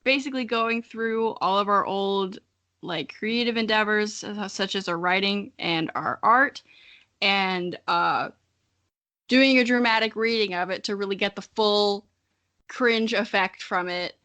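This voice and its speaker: An early-twenties podcast host from Missouri in the United States chats in a casual, comedic, self-deprecating way. Her mid-range voice is unhurried, bright and forceful.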